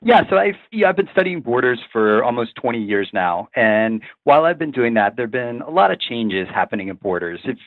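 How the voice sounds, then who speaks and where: A middle-aged man from Virginia, a professor giving measured, explanatory interview answers with frequent ums. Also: mid-range voice, very animated, no room sound. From Virginia, USA. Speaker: guest professor. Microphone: remote call line. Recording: tinny dry phone line.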